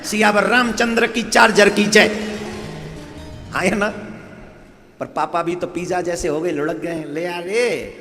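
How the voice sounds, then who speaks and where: Male preacher, gravelly and lively, doing voices of family members in a roomy hall. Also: sits high, normal speed, long pauses. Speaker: spiritual storyteller. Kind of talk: devotional sermon with comic anecdotes. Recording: echoey hall with faint music.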